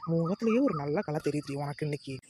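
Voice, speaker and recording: A woman putting on a low teasing old neighbor lady. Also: animated, fast, warm tone, a little hiss or hum. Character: older gossiping village woman neighbor. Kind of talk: family comedy skit acting.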